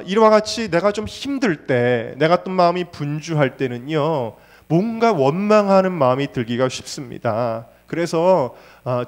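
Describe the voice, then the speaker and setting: Higher-voiced man preaching a sermon. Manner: rhetorical questions to the congregation, emphatic repetition. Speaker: senior pastor. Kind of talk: Sunday sermon. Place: church service.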